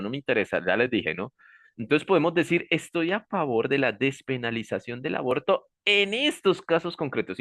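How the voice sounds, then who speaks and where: In a classroom lecture, a man with a medium-pitched, fairly bright voice explains things step by step, often checking that students follow with "¿sí?" and "¿listo?" and warning them with "ojo" and "pilas." There's no echo.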